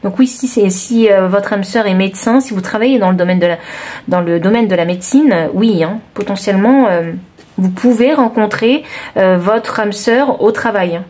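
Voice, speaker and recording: A woman's voice: mid-range voice, moderate pace, darkish tone. A woman with a southern French accent doing a tarot card reading for viewers, thinking aloud with many hesitations. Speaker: tarot reader.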